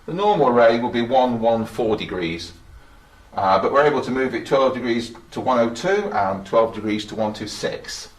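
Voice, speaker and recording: A middle-aged or older man with a mid-range voice and lively intonation leads an informal technical tour at a normal pace. He explains things matter-of-factly, and the audio has a roomy echo with faint background noise.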